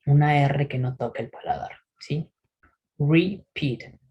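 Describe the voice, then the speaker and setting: Slow, gravelly male English teacher. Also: a little high, highs cut off, background noise. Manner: patient, checks in often with a questioning "¿sí?"; models English words slowly for repetition. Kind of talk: recorded online pronunciation lesson.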